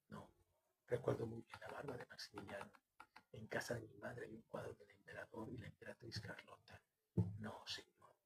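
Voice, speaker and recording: A grieving, self-reproaching mother answers in a low, flat, gravelly voice, as a man reads her part. Her replies come haltingly, trailing off as she searches for details. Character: distraught mother, middle-aged woman, grieving and self-reproaching.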